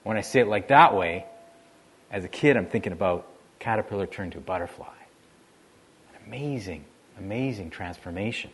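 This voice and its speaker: A man's voice: fairly low pitch, animated, normal speed, a little hiss or hum. A man preaching a sermon in a conversational way, shifting his emphasis often. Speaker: pastor.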